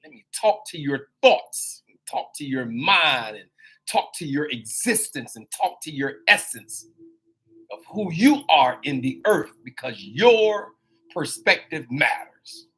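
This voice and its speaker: A man in his fifties with a somewhat high voice delivers a motivational talk like a sermon. He calls out to his listeners, repeats lines for emphasis, and laughs often. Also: slow pace, breathy edge. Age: 50s. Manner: animated and preachy, addressing listeners directly. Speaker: host.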